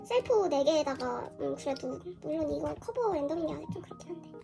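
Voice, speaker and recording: A woman unboxing an album in a casual vlog, her hoarse voice run through a pitch-raising voice changer, gushing and squealing often. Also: expressive, quick pace, music in the background. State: hoarse from illness. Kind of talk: casual excited unboxing chat.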